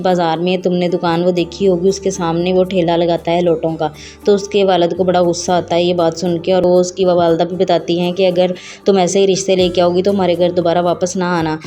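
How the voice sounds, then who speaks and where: A woman retelling the plot of a drama episode in an unhurried recap, with some hesitations. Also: fairly low pitch, mellow. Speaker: drama reviewer.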